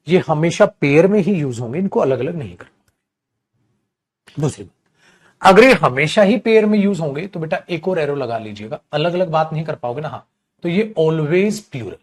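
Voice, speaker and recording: A man with a fairly high voice runs an online English grammar class, streaming it while checking live comments. He calls his students "beta," repeats key terms, and acts out little scenes involving students and their mothers.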